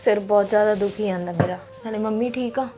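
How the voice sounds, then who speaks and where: A woman's voice: medium pitch, fast talker, mellow, faint music behind. Weary, resigned Punjabi woman. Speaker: actress playing a suffering sister. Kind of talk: drama acting.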